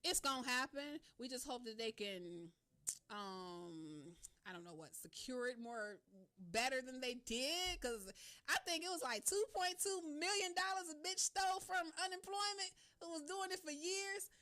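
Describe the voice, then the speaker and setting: A woman's voice: sits high, unhurried. A woman hosting a radio show, talking casually with lots of slang, laughter and swearing. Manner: animated, slangy, laughs often, swears freely. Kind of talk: casual talk radio monologue.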